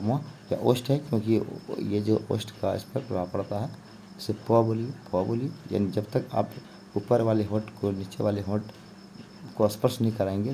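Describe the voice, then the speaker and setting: A man from India teaches an exam-prep grammar lesson in a somewhat low, mellow voice. He explains patiently, circling back with little check-ins and fillers. Faint insect and cricket sounds sit behind him. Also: slight background noise. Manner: explanatory, repeats "ठीक है" and "जो है आपका".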